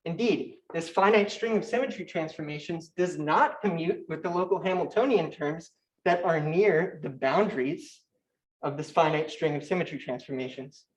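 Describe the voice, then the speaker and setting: A young man presenting a physics talk at a conference, his voice sitting a little high. He talks fast and technically, stumbling into restarts and fillers. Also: muffled recording. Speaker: conference speaker. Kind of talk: academic talk.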